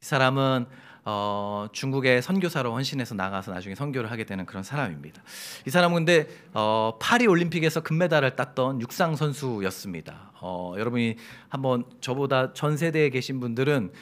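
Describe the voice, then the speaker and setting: A middle-aged man preaching a sermon to his church, lively and humorous, acting out quoted voices as he tells the story. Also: mid-range voice, a little fast. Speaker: pastor. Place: church sanctuary.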